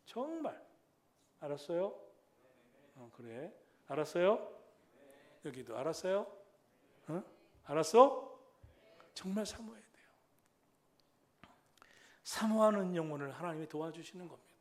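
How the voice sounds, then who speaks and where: A middle-aged man preaching a sermon as senior pastor, telling stories in an animated way that swings from hushed asides to loud exclamations. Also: fairly high pitch, moderate pace, pauses often. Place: church sanctuary.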